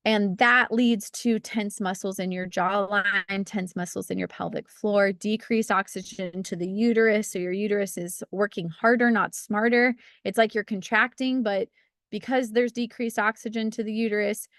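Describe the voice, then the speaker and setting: A woman's voice: medium pitch, fairly even intonation, moderate pace, fairly bright tone, no room sound, studio quality. A young woman teaching a casual birth-preparation workshop in an earnest, encouraging way, with plenty of fillers, over a video call outdoors. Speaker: birth educator.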